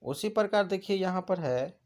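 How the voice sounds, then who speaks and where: A man's voice: sits high, expressive, normal speed. A man teaching an exam prep lesson, asking questions and answering them himself. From India.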